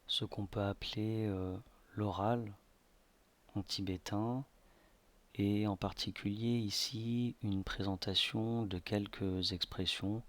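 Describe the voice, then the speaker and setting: Slow, hesitant man teaching a lesson. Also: lowish voice. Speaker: language teacher. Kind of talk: slideshow lesson narration.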